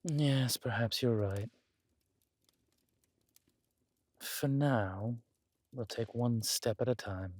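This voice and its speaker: A man takes on the part of a menacing, wry, regal villain king in an audio drama roleplay, speaking with measured, intimate, smug theatricality in a musing mood. His mid-range voice has a darkish tone, with no room sound at all.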